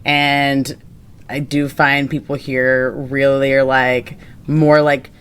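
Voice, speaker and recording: A young woman with a low voice talks loosely on a casual podcast, circling her point with fillers and trailing off. She laughs often as she goes. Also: little pitch movement, takes it slowly, smooth. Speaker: podcast co-host. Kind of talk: casual chat.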